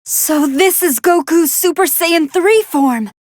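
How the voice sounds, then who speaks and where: Very high-pitched and slow-paced, a woman voices a polite, soft-hearted android scientist, female, who commentates on video game fights formally, earnestly and expressively. She sounds composed and curious as match commentator, and there's no room sound.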